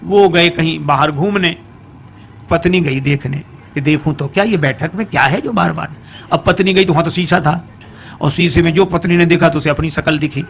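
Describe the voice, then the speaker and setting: A man preaching a humorous Hindi story sermon, singing slow verses and then telling the tale in a lively storytelling way. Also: a little high, a little hiss or hum. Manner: alternates slow sung verses with lively storytelling, voicing characters briefly.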